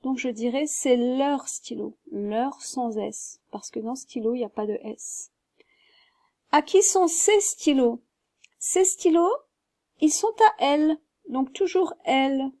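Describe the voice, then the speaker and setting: A woman's voice: sits high, dark tone, no room sound. A woman teaching a French grammar lesson, patiently explaining step by step and spelling words out.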